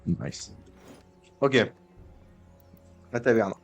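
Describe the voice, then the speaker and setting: Speaking extremely slowly in a fairly low voice, a young man who creates gaming videos jokes and rambles through commentary on a management game. He keeps stumbling and restarting, and faint music can be heard in the background.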